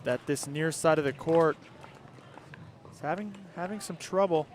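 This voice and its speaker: Higher-voiced man calling live sports. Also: measured pace, slight background noise. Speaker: pickleball commentator.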